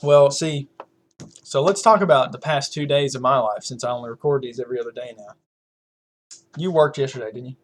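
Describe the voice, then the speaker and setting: A young man with a Southern US accent hosts a podcast in a brisk, mid-range voice. He chats casually and rambles, dropping in plenty of fillers and laughing often.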